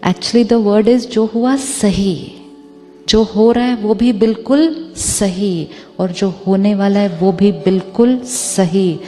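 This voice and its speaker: A woman spiritual teacher giving a talk to an audience, mixing Hindi and English, slowing down on the English phrases and asking rhetorical questions. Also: medium pitch, mellow, long reverb tail, faint music behind.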